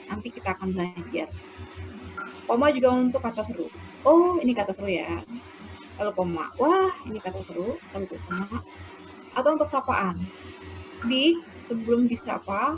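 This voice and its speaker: A woman teacher giving a lesson, explaining slowly and dictating example sentences aloud. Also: mid-range voice. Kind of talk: classroom lecture on punctuation. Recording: noisy background.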